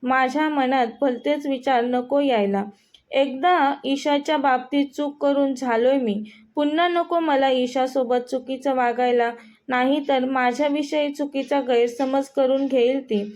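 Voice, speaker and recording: A woman's voice: high voice, steady tone, measured pace, darkish tone. A woman voicing a young husband, flustered and hesitant, musing to himself in a story reading.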